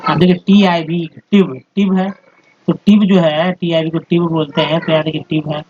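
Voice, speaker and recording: A man's voice: fairly high pitch, level tone, moderate pace, darkish tone. Man patiently drilling English letter sounds. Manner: repetitive, step-by-step explaining, addresses viewers as friends. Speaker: English teacher. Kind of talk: slide-based phonics lesson. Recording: dull lo-fi audio with faint noise.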